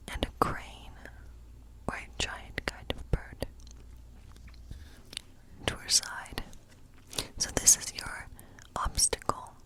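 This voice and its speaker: The recording is rough, carrying a woman's breathy, unvoiced whisper in an ASMR fantasy role play. She lays out a tarot reading at an easy, gentle pace, in short phrases with pauses.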